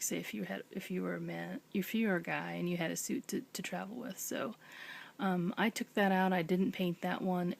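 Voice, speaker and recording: A woman talks in a hushed whisper at home late at night, walking through a craft project in a relaxed show-and-tell. Her voice sits a little low and has a gravelly, creaky edge. She pauses often and fills the gaps with ums. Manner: whispering softly, with many ums. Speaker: crafting vlogger.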